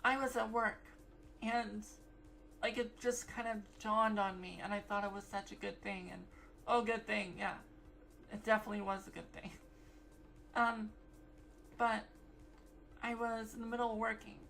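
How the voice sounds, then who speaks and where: A woman's voice: medium pitch, creaky, a bit bright, low-quality recording. A young woman vlogging in a casual, rambling way, full of fillers and restarts. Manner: rambling, many fillers and self-corrections.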